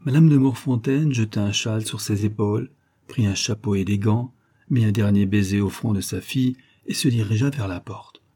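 Low, husky male audiobook narrator. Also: normal speed, dark tone. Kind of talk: scripted narration of a classic novel.

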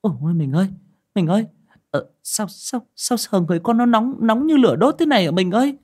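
A man voicing a fretful old rural mother in a high, wailing voice, in a spoken horror tale. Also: lively intonation, a little fast, darkish tone, slightly rough. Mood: panicked. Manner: wailing, scolding.

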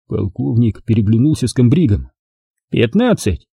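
A man's voice: mid-range voice, big pitch swings, normal speed, mellow, husky, no room sound, studio quality. A man reading an audiobook narration expressively. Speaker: audiobook reader. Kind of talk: scripted narration.

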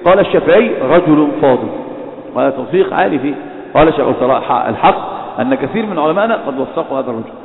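A man's voice: medium pitch, animated, very fast, vocal fry. A man gives a religious lecture on hadith criticism, often hesitating and correcting himself. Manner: frequent hesitations and self-corrections. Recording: echoey hall over a tinny phone-like line.

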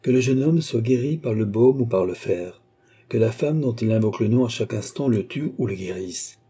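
A man's voice: medium pitch, animated, normal speed, warm tone, slightly rough. A man voicing a blunt, unyielding court doctor in an audiobook reading, speaking sternly and frankly.

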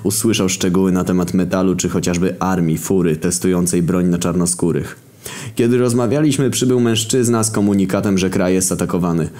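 A man's voice: low voice, fairly quick, dark tone. A man narrating a crude, mocking comic story, jumping into voices for the characters.

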